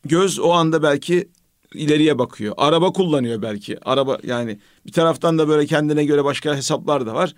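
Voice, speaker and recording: A man hosting a casual radio talk, reflective and measured, with pious phrasing now and then. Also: on the high side, no room sound, clean studio sound. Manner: reflective, speaks with religious phrases. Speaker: radio host.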